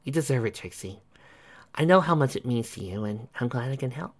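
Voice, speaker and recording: A man voicing an eager, cheerful young female unicorn pony in a fan fiction reading, his voice raised high and bright. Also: brisk. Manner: bright, excited, earnest.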